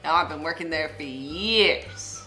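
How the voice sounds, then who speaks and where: A young woman making casual prank calls indoors, explaining herself in a deadpan, rambling way. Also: deep voice, measured pace, faint music behind. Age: young adult. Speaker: prank caller and show host. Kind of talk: casual prank phone call and chat. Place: small indoor room, seated at a table.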